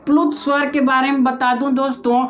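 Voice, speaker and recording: A woman teaching an exam-prep grammar lesson online, repeating key terms and drawing out example sounds slowly while addressing viewers as friends. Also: high voice, flat delivery, slight background noise.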